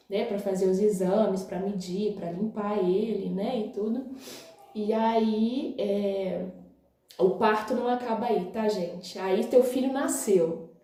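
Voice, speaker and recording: With a mellow, medium-pitched voice, this young woman chats casually to her viewers about her own experiences, her Brazilian Portuguese accent clear throughout. As a vlogger, she peppers her talk with "gente" and "né" and laughs along, all in a very echoey room.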